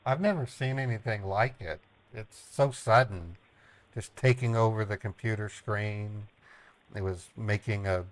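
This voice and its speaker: A man chatting casually as a caller, in a halting, naive-sounding way, often repeating himself. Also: on the low side. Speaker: prank caller baiting a phone scammer. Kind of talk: casual phone chat.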